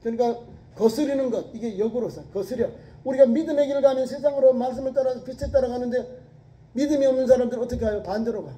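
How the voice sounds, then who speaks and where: A man's voice: very high voice, dark tone. A male pastor preaching a sermon with emphatic, questioning delivery. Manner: emphatic preaching, rhetorical questions, acts out prayers and voices. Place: church sanctuary. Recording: echoey church hall, voice from a distance.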